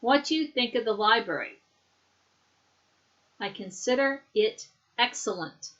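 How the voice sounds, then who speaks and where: Woman, English teacher, slow drill pace, bright clear tone, patient explanations. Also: fairly high pitch, animated, muffled recording. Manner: patient, explains words and pronunciation. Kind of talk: slow classroom drill, repeat after me.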